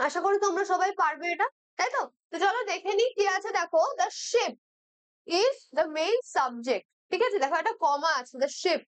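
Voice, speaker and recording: A woman's voice: sits high, no echo. A young woman with a Bengali accent who teaches English grammar for exam preparation and keeps checking in with her students as she explains each question. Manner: patient, checks in with "right?" often.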